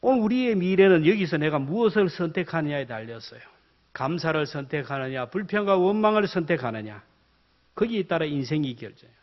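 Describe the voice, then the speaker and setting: A male pastor preaching a sermon in an animated storytelling manner, acting out the people in his stories. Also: a little high. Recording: dull lo-fi sound.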